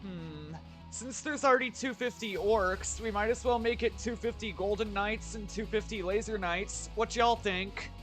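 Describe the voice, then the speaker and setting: A man's voice: sits high, normal speed, fairly bright tone, faint music behind. A man streaming a game, chatting loosely with his viewers and swearing casually as he sets up battles. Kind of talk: casual gameplay commentary.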